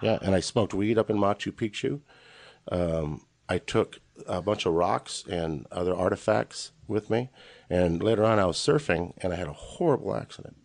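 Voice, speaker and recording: Speaking at a normal speed in a low, gravelly voice, this late-forties American from Los Angeles is a podcast guest spinning loose, jokey, meandering stories. The audio has no echo.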